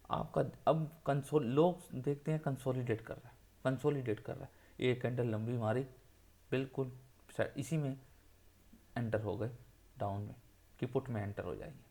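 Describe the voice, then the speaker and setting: A man's voice: medium pitch, vocal fry, darkish tone. Insistent man teaching trading charts. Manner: insistent, repeats points for emphasis. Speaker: trading educator. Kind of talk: screen-share chart tutorial.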